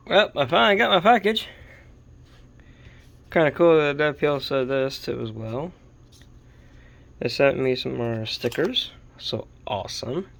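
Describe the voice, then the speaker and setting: A man filming a casual update on his model truck late at night, sleepy and rambling in an easygoing way, stopping to correct himself. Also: mid-range voice. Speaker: RC hobby vlogger. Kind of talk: casual build update vlog.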